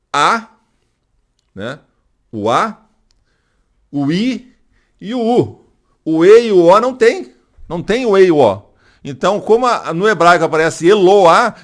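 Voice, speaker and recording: A man teaching a Bible lesson in a conversational way. He checks in often with tag questions and restarts as he works through his explanations. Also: a little high. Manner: hesitant restarts while working out explanations.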